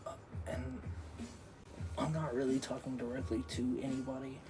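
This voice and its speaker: A man's voice: medium pitch, level tone, moderate pace, rough recording. A man livestreaming a casual, rambling, profane monologue, reflective and full of fillers like "like". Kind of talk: rambling live-stream monologue. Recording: loud music behind the voice.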